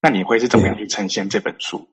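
A man's voice: fairly low pitch, fairly even intonation, fast talker, breathy edge. A man hosting a podcast interview who listens attentively, putting in frequent short affirmations and then asking follow-up questions. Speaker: podcast host.

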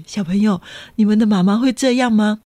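A woman reading a picture book aloud to children, animated and playful, often asking them questions. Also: medium pitch, moderate pace, no echo, clean studio sound. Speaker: storyteller.

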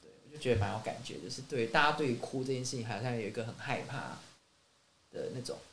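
Woman co-host, quick eager talker, echoey room. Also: extremely low pitch, fairly bright tone. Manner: eager, chimes in, finishes others' sentences. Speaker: podcast co-host. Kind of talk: casual chat. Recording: echoey room with faint hiss.

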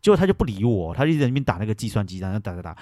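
Fast, animated man telling stories. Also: lowish voice, no room sound, studio quality. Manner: animated, retells arguments with bursts of loud indignation. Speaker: podcast host. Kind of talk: casual storytelling.

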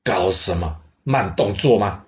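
A man voicing a stubborn, sharp-tongued old queen dowager in a blunt, petulant way. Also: low-pitched, lively intonation, measured pace. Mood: indignant.

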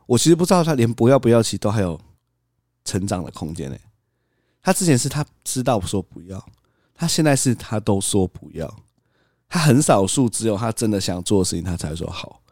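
A low-voiced man talking casually about parenting, his pitch swinging widely as he tells a story and acts out the child's replies. The recording is dry and close, with no room sound. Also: warm tone, dry recording. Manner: storytelling, acts out toddler's cries. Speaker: podcast co-host, father. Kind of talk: casual chat.

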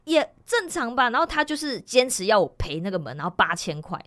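Lively fast-talking woman telling a story. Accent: Taiwanese Mandarin. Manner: animated, acts out quoted people with big pitch jumps. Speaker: podcast co-host. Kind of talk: casual storytelling chat.

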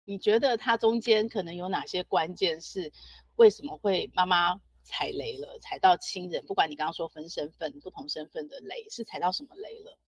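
Woman podcast host, husky and breathy, chatty and laughing easily, recorded close and dry. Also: on the low side, normal speed, dry recording. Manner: chatty, reads out listener comments with laughs. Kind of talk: casual podcast interview.

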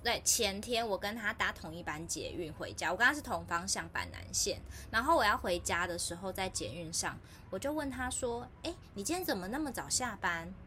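A woman with a Taiwanese Mandarin accent, co-hosting a podcast in casual chat, telling animated stories and acting out quotes. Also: mid-range voice, fairly quick, hardly any pauses, slight background noise. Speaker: podcast co-host.

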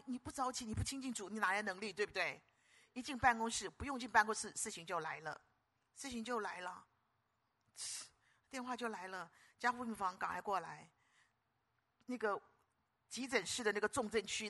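An older woman preaching a sermon, moving between hushed storytelling and loud, rousing calls to the congregation. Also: mid-range voice, fairly quick, pauses often, breathy edge. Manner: animated, swings from hushed storytelling to loud exhortation.

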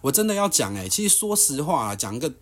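A man's voice: a little high, big pitch swings, fast talker, a bit bright. Young male podcast host, Taiwanese Mandarin, heated ranting storyteller. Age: young adult. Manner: heated, blunt, swears.

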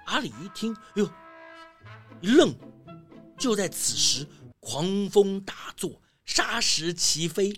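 A woman narrating a children's story in a lively voice, full of exclamations. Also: mid-range voice, slow pace, long pauses, faint music behind.

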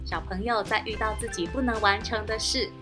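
A woman with a Taiwanese Mandarin accent hosting a children's story show, narrating in a gentle, sing-song way to young listeners. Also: mid-range voice, brisk, music in the background. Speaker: storytelling host.

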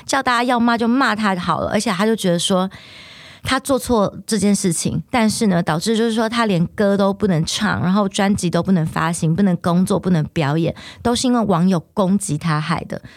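Lady ranting on her podcast, lowish voice, dry close mic. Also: darkish tone, no room sound. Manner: opinionated, rhetorical questions. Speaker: podcast host. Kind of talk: casual opinion commentary.

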